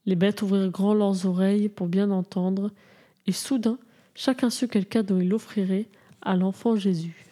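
A woman reading a Christmas storybook aloud in a measured, gentle way. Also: medium pitch, fairly even intonation.

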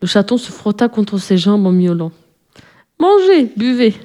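A woman narrates a children's story in a calm, even way. Her voice is mellow and warm, with a middle pitch. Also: moderate pace.

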